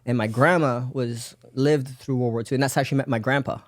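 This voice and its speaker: A man's voice: mid-range voice, fairly even intonation, fairly quick, no room sound, studio quality. A man raised in Belgium, a podcast guest telling his life story in casual rambling talk with many fillers and frequent laughs.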